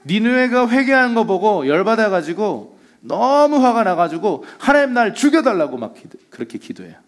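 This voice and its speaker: A man's voice: sits high, very animated, normal speed. A man preaching a Sunday sermon as pastor, telling the story with energy and acting out the lines he quotes.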